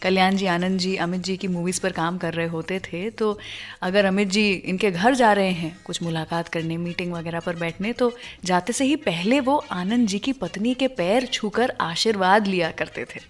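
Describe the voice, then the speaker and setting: Her voice is on the low side and her pace normal as she presents a music program on the radio. Music runs beneath her as she tells stories in a conversational but scripted style, mixing in bits of English.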